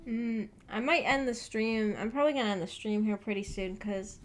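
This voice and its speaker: A young adult woman with a fairly high voice talks at normal speed on a livestream, where she hosts a visual novel book club. Over background music, she answers her viewers casually, rambling and thinking aloud.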